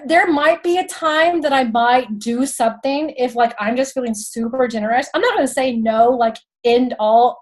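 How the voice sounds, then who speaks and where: A chatty Texan woman in her thirties gives sales tips with laughing asides and calls her viewers y'all. Her voice sits high. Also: poor audio. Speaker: direct-sales consultant and host. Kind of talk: casual how-to talk.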